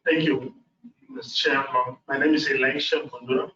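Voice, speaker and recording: A man in his fifties from Zimbabwe introduces himself as a new member of a medical commission. He speaks earnestly and pauses on "um" and "uh". He sounds distant in a roomy hall, with a muffled tone. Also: mid-range voice, steady tone, bright, forceful tone, a little hiss or hum. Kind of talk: self-introduction. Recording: echoey room, mic far off, dull sound.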